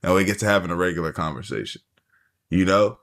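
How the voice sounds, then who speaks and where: A man's voice: low voice, quick pace, a bit bright. Slangy, rambling male streamer. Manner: slangy, loose and rambling, lots of "you feel me". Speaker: streamer reacting to a video. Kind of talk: casual chat.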